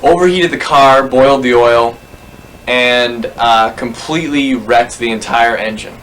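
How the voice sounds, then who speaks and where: A man's voice: mid-range voice, measured pace, a bit bright, slight background noise, poor audio. Rambling man telling a road story. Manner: rambling, self-correcting storyteller. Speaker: interviewee. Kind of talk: anecdote told to camera.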